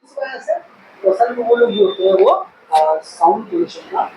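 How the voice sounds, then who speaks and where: Male speaker with a strikingly high voice, chatty lecturer style, recorded in a reverberant room with faint background hum. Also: wildly swooping pitch, moderate pace, gravelly, dark tone. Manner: rambling, conversational, asks and answers own questions. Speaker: speaker explaining a health topic. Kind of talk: informal explanatory talk. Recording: echoey room with faint ambient noise.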